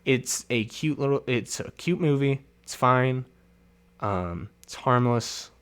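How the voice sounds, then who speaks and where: A man's voice: medium pitch, animated, takes it slowly, a bit bright, smooth. Guy doing a laid-back solo movie review, medium voice, lots of um and like, laughs a bunch. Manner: chatty, laughs often, many fillers and restarts. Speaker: film reviewer and host. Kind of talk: casual solo film review.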